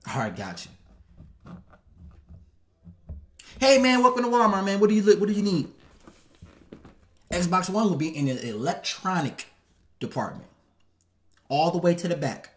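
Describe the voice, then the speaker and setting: A man putting on a polite, proper-speaking male retail worker with a quiet, dutiful, customer-service tone. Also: high voice, very animated, unhurried, pauses often, voice pushed up.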